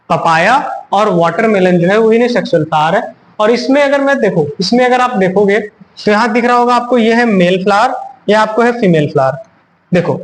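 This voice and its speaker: A high-pitched male teacher in a recorded biology lesson, asking his students a question and then answering it himself, drilling each key term again and again. He slips English science words into his explanations and reads English textbook lines aloud. A faint noise sits behind him. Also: low-quality recording. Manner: asks questions and answers them himself, repeating key terms; mixes in English terms and reads English text aloud. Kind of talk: classroom lecture on a recorded video.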